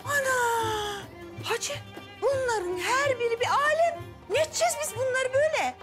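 A woman's voice: very high-pitched, animated, normal speed, loud music behind the voice. An actress playing a woman looking after street kids, scolding them in exasperation. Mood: exasperated scolding.

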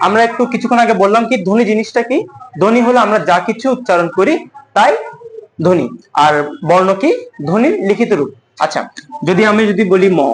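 High-voiced young male teacher. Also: a little hiss or hum. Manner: asks questions and answers them himself; repeats key words slowly for emphasis. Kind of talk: classroom lecture.

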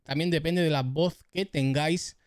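A man talks viewers through microphone settings in a loose, friendly tutorial manner, calling them pals and repeating test phrases. His voice sits a bit high for a man. The sound is dry and close, from a studio dynamic mic at a home setup. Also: steady tone, moderate pace, no room sound. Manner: chatty, addresses viewers as "chavales" and "familia". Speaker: tech YouTuber giving mic setup tips. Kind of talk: casual tutorial.

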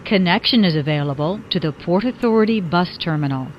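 A woman's voice: lowish voice, lively intonation, fairly quick. A woman reading scripted transfer announcements in a formulaic, list-like way. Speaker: train announcer. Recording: dull lo-fi with noise.

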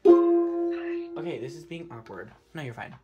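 A man's voice: on the high side, huge pitch swings, unhurried, lo-fi sound, over loud music. A man vlogging in a casual, rambling and self-mocking way, giggling and getting distracted. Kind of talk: casual vlog chat.

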